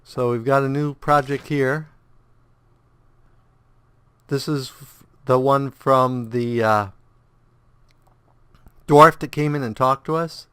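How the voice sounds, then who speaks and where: Speaking slowly with long pauses, this let's play host has a smooth, mid-range voice and no echo around him. Congested and a bit sore-throated, he comments loosely on his game, hums absently while clicking through menus, and rambles in a relaxed, think-aloud manner.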